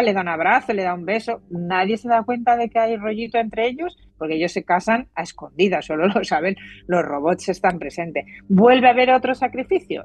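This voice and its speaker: Spanish psychologist woman, husky voice. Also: on the low side. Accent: Spain Spanish. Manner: explanatory, many restarts, laughs easily. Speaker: psychologist guest. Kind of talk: casual analytical chat. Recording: dull lo-fi dry audio.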